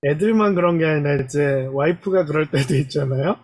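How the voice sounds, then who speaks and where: Casting: calm, measured dad on a panel, husky voice pitched high. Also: male voice. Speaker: panelist father. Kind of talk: casual parenting talk.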